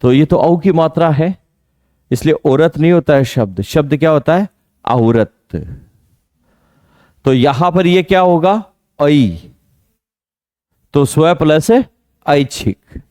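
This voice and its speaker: A male grammar teacher in an exam coaching lesson, speaking at a very slow, deliberate pace in a slightly high voice. He quizzes students on pronunciation again and again and stretches out the example words. The sound is dry and close, with no room echo. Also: darkish tone. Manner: drills pronunciation with repeated questions to students.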